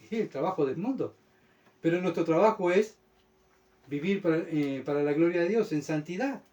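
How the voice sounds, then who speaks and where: A man's voice: expressive, moderate pace, darkish tone. A man preaching a sermon as pastor, with a Uruguayan Spanish accent, talking emphatically and checking often that his congregation follows him. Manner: emphatic, keeps asking the congregation "¿Se entiende?"; mocks complainers in a whiny high voice.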